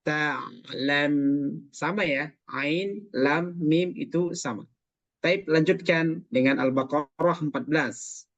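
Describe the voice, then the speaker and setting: A man teaching recitation over a video call, his voice a little higher than most men's. He corrects patiently and sounds out syllables slowly. The call audio is slightly muffled. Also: fairly bright tone, no echo. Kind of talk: online recitation class coaching.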